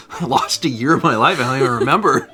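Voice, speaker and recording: With a mid-range, sharp, animated voice and a slightly fast pace, a stream co-host in his thirties chats over soft background music. He rambles, laughs a lot and is self-deprecating while going through viewer comments.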